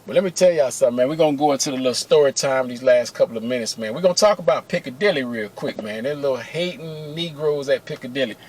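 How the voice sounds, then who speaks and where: A middle-aged man telling a personal story to camera in a casual, animated way, full of slang and cursing, talking to viewers as y'all. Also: medium pitch, fast, hardly any pauses. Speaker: vlogger telling personal stories. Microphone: camera mic, close.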